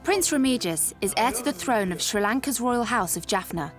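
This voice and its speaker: A woman giving scripted documentary narration in a brisk, even manner. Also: on the high side, over music.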